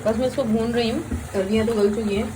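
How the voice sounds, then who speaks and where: A woman's voice: fairly high pitch, fairly even intonation, fast, background noise. A woman in her thirties, a mother, chatting casually to the camera about her day. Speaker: vlogger, mother. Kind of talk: casual home vlog chat.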